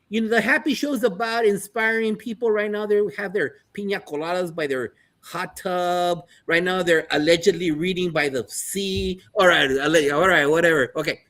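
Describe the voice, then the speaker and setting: High-voiced energetic male show host. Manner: energetic, shout-outs, Spanish phrases mixed in. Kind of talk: live panel show hosting.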